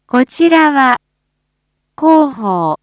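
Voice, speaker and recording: Woman doing a formal town announcement, super slow with careful pauses, kinda muffled lo-fi sound. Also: sits high, sing-song, no echo. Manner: measured, short phrases with deliberate pauses. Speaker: municipal public-address announcer. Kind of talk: formal scripted public announcement. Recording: dull, muffled lo-fi audio.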